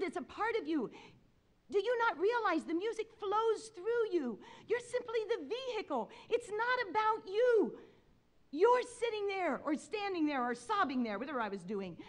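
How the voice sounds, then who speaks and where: A stern male piano professor with a Spanish accent, as a woman speaker puts him on, scolding and insisting on every point. The voice is pitched well above her usual talk, loud and driving, with big swings in its melody.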